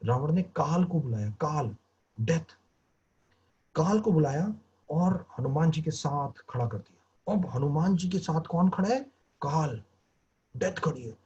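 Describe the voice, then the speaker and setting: A man's voice: fairly high pitch, expressive, a little slow, pauses often, a little mellow, slightly rough. A man, a motivational trainer, telling a story and drawing lessons from it, often switching into English phrases, heard over a video call. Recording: muffled lo-fi video call audio.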